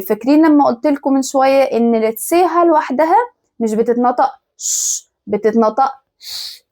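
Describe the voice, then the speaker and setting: A woman with an Egyptian Arabic accent teaches pronunciation in an easygoing, chatty way, her voice sitting somewhat high. She slows right down to repeat each example sound with care. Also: mellow. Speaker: German language teacher. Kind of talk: casual teaching.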